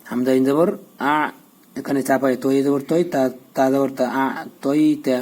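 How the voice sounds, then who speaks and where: Low-key male teacher spelling out prayer. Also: fairly even intonation, warm tone. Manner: spells out letters and vowels briskly, then chants the joined words slowly. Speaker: Quran recitation teacher. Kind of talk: spelling out and reciting Arabic prayer.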